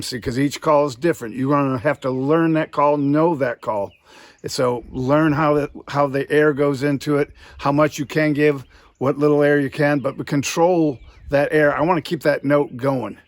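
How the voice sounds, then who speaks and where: A man's voice: fairly high pitch, steady tone, normal speed, no echo. Folksy man giving a hands-on lesson. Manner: folksy, explanatory, step by step. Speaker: duck calling instructor. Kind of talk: instructional demonstration, informal.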